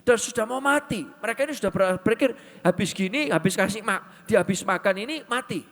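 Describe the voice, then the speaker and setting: A male pastor preaching a lively sermon and calling the congregation to repeat lines back to him. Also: high voice, a little fast. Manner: energetic, calls the congregation to repeat lines aloud. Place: church hall. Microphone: handheld or headset mic on a sound system. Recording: long hall reverb.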